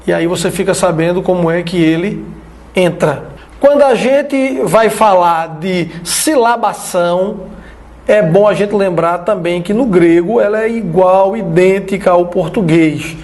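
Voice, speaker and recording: A Brazilian man with a high, darkish voice teaches Biblical Greek online. He explains slowly, writes on the screen, and checks in with his listeners along the way.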